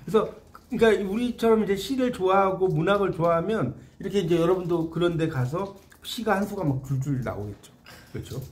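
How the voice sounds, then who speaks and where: A man with a high voice teaches a class, his pitch rising and falling in wide, lively swings. He keeps turning to the room with questions and explains each line of a classical poem in plain words. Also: brisk. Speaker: literature lecturer. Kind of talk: classroom lecture on classical poetry.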